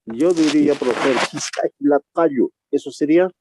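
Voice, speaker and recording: A man's voice: a little high, normal speed, noisy background. A man student asking the teacher a tentative question in an online class.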